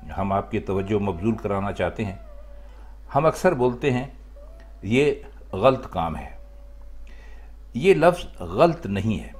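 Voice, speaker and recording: Slow, husky-voiced teacher. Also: male voice, on the low side, a little mellow. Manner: slow, careful, formal, repeats words for emphasis. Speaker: Urdu language teacher. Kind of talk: spoken lesson on pronunciation.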